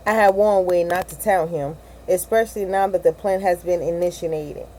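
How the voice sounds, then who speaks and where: Woman, amateur audiobook reading, low voice, warm tone, self-correcting, faint hiss. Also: steady tone, normal speed, low-quality recording. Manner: stumbling, self-correcting, with asides and laughs. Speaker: reader of a novel.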